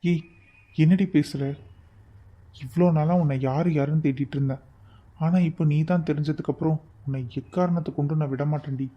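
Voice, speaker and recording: A man's voice: on the high side, fairly even intonation, moderate pace, lo-fi sound, close to an everyday voice. A man voicing an earnest, protective young man in love in a cartoon, talking in an emphatic, coaxing way. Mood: tender. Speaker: voice actor. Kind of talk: cartoon voice acting.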